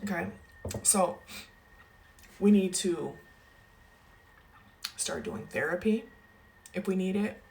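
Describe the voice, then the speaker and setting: A woman's voice: medium pitch, takes it slowly, long pauses, darkish tone, slight background noise. A woman wellness coach giving a motivational talk, emphatic and emotional, checking in with "okay?" after nearly every point. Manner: emphatic, keeps adding "okay?"; emotional, close to tears.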